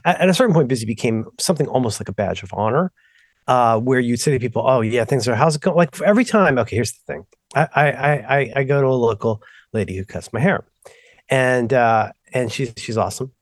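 Slightly fast and mid-range, this podcast co-host's voice comes through a dry, studio-quality recording. He's a middle-aged man chatting casually, and his animated stories wander and interrupt themselves again and again.

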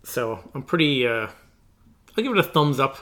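A man's voice: medium pitch, big pitch swings, moderate pace, a bit bright. A man co-hosting a podcast, talking casually and hesitantly as he searches for words. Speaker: podcast co-host. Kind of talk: casual chat about music.

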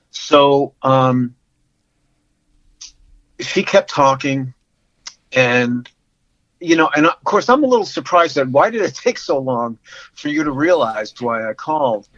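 A man in his sixties tells a personal story in a halting, stop-start way, often doubling back on his words. His pitch sits mid-range for a man. The recording is dry and a little muffled and lo-fi. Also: fairly bright tone, dry recording. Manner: halting, with many restarts and repeated words. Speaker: podcast guest. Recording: dull lo-fi sound.

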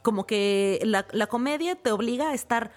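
A woman with a Mexican accent, a guest in a casual interview, telling stories lively and acting out the voices she quotes. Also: a little high, moderate pace. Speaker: guest, actress and stand-up comedian.

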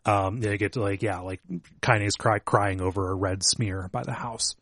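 A man's voice: on the low side, fairly even intonation, moderate pace, a bit bright, no room sound, studio quality. A man co-hosting a podcast, recapping a game's plot at length with lots of fillers. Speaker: podcast co-host. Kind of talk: casual chat about a video game.

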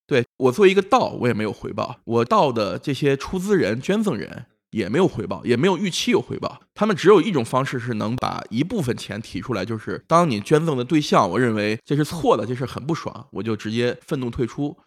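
A man with a mid-pitched voice talks rapidly in a casual podcast discussion. He explains informally and emphatically, often tossing in short tag questions. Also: big pitch swings. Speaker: knowledgeable podcast speaker.

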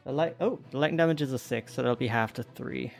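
A man's voice: mid-range voice, quick pace, gravelly, soft background music. A man playing a tabletop game, eagerly and vividly describing his character's actions. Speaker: player.

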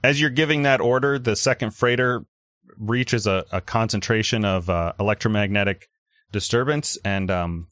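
A man with a low voice narrates a tabletop game as game master. He pieces the scene together haltingly, and the sound is dry and close. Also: a bit bright, no room sound. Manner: halting, hesitant delivery.

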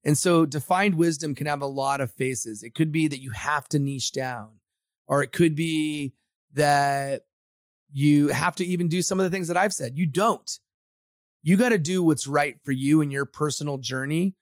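A man's voice: on the high side, normal speed, no echo, clean studio sound. A man from Samoa, a podcast guest and agency founder, speaking confidently and motivationally in a casual interview.

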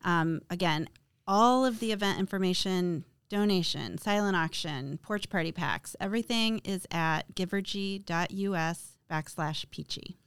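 A woman's voice: on the low side, smooth, dry recording. A woman, a guest on a podcast, promoting a charity fundraiser in an upbeat, chatty way. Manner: upbeat, promotional, quick to laugh. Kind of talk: casual chat.

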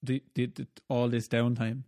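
A man's voice: medium pitch, level tone, moderate pace, mellow. A man hosting a casual interview, asking friendly, chatty questions and laughing between them. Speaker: interview host.

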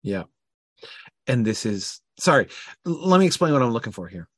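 A man's voice: mid-range voice, big pitch swings, normal speed, husky, dry recording, clean studio sound. A man teaching a Bible passage in an informal study talk, thinking aloud with frequent restarts and checks of "right?".

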